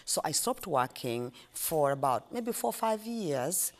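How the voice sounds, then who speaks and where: A middle-aged woman with a Ugandan accent, chatting as an interview guest, halting with fillers and restarts. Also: low voice, very animated. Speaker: guest, shop owner. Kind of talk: casual interview chat.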